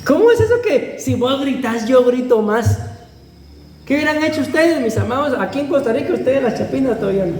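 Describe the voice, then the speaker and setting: A man's voice: very high-pitched, animated, brisk, darkish tone, slight background noise. A male pastor with a Guatemalan accent preaching a sermon in a conversational way, often calling the listeners brother and laughing lightly between phrases. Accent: Guatemalan Spanish. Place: church hall. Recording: echoey church hall with long reverb.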